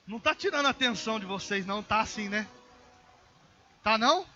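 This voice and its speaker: Man, pastor, Brazilian Portuguese accent, sermon, very high voice, dull lo-fi recording. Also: expressive, very fast, pushed and bright. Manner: storytelling with acted dialogue, calls the congregation "queridos". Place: church service.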